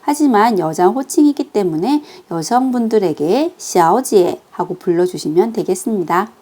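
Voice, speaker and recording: A woman teaching a recorded online language lesson, patiently walking through pronunciation with slow, careful demonstrations. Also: medium pitch, animated, mellow.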